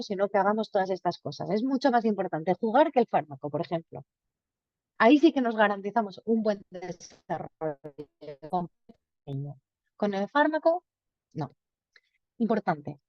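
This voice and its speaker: A woman's voice: medium pitch, no echo, highs cut off. A woman psychologist giving an informal talk to parents, explaining patiently and acting out short dialogues.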